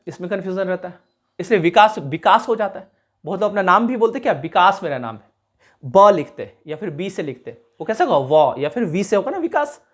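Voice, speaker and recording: Lively male teacher explaining slowly. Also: high voice. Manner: explanatory, asks the class checking questions; stresses and repeats key sounds slowly. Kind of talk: classroom lecture.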